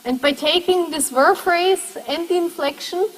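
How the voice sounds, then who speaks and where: A woman's voice: extremely high pitch, a little slow, a bit bright. A woman lecturer in a classroom lecture, explaining step by step and putting questions to the class. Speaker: university lecturer. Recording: long echo of a lecture hall.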